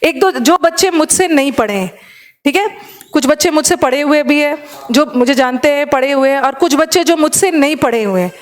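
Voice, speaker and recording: A woman's voice: high-pitched, fairly quick. A woman with an Indian accent, an English teacher chatting in a live online class, switching between Hindi and English and reading out student comments.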